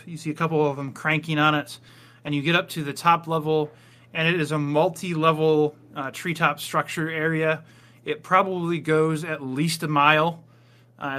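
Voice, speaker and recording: A man's voice: on the high side, bright, forceful tone. A man narrating a tabletop game as game master, improvising loosely with lots of ums and uhs.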